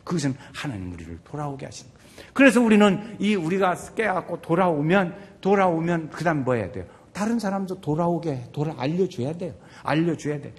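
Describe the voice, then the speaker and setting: A male pastor preaching a sermon, urging the congregation on with animated rhetorical questions. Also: on the high side, brisk, big-room sound.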